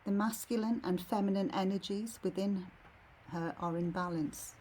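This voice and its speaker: A woman leading a guided meditation in a serene, soothing, soft and slightly husky voice. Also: medium pitch, fairly even intonation, slight background noise, rough recording. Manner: serene, unhurried, soothing delivery.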